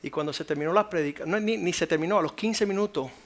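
A man preaching as a pastor, dropping to whispers and rising to loud acted quotes. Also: on the high side, quick pace. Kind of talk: sermon.

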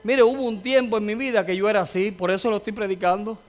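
A man preaching a sermon in a church with impassioned energy, often shouting and calling out amens. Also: sits high, fairly even intonation, quick pace.

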